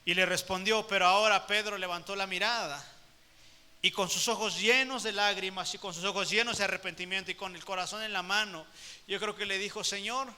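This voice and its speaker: A man's voice: high voice, fairly even intonation, fairly quick, sharp tone, clean tone, big-room sound. A man preaching a sermon to his church, impassioned and repetitive, speaking directly to the congregation. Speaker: pastor.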